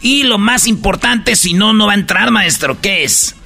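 A man hosting a joking radio show, telling slangy stories and pitching a contest in a loud promo style. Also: animated, creaky, soft background music. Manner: rapid slangy storytelling, loud promo delivery.

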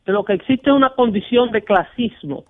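High-voiced Spanish-speaking radio host man. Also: a little fast. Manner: emphatic, mimics callers in quoted voices. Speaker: radio talk show host. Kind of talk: animated radio debate. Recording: dry, phone-like broadcast audio.

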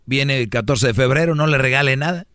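A man with a Mexican accent hosts a radio show, preaching comic advice at his listeners. He fires off rhetorical questions in a joking, lecturing tone. His mid-pitched voice sounds dry and close, with no room echo. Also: a little fast, a bit bright. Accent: Mexican Spanish.

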